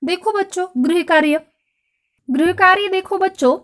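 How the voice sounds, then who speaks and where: A woman teacher giving a slow, clear grammar lesson to children, spelling words out letter by letter and calling each word out loudly for them to repeat. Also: very high-pitched. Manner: addresses children directly, asking them to repeat.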